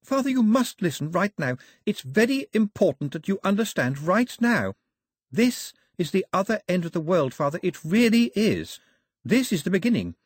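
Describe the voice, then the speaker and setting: A man reads aloud in a full character voice pitched above his own, playing a headstrong, fiery young woman who speaks with passion and defiance. His high voice is husky and very animated at normal speed, captured in a dry, studio-quality recording.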